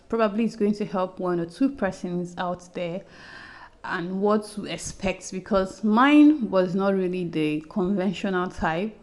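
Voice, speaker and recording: A young woman who hosts a podcast talks casually to her listeners in a personal audio-journal style, chatty and repetitive, with a medium-pitched voice.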